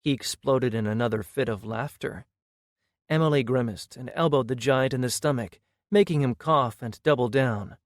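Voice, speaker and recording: A man reading a fantasy audiobook in steady, measured scripted narration. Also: mid-range voice, no room sound, studio quality.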